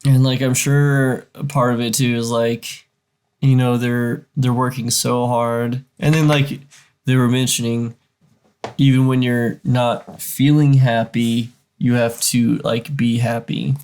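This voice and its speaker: Male reaction co-host, gravelly fry, loose rambling delivery, mid-range pitch. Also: level tone, slow pace, darkish tone. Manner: rambling, many "like"s and restarts. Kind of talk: casual reaction chat.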